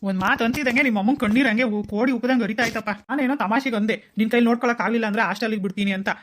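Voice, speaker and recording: A woman voicing a middle-aged cartoon father who calmly lectures his wife and daughters. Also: a little high, racing, slight background noise, natural voice. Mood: lecturing. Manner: lecturing, reasoning.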